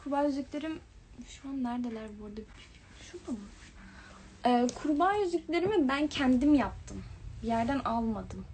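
A young woman talks casually into a webcam, reading out viewer comments and replying to each one. Her voice sits a little high, and a faint hum of room noise runs under the stream. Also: animated, brisk, darkish tone. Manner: chatty, reads comments aloud then answers them. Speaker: livestream host. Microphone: phone or webcam livestream.

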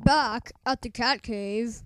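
Homemade cartoon comic book narrator female performer: slow, dramatic announcements, highish pitch. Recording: noisy amateur recording with clicks.

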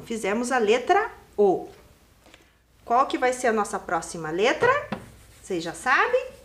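A woman with a fairly high, slightly bright voice teaches young viewers from a TV studio classroom as a primary school teacher. Slow and sing-song, she walks the children at home through the lesson step by step with questions.

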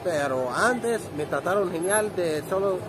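Here a thirtyish Egyptian man talks to his handheld phone at arm's length as he walks an outdoor market, vlogging casually in non-native Spanish with an Egyptian Arabic accent and frequent restarts. He has a high, animated voice and keeps a measured pace. Market crowds, traffic and music make a loud backdrop.

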